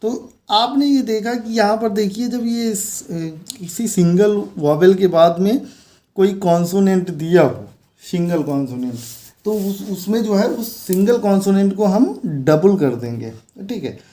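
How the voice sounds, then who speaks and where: A man's voice: high-pitched, lively intonation, unhurried, warm tone. A man teaching an English grammar lesson, explaining patiently and repeating key words as he points things out on a board.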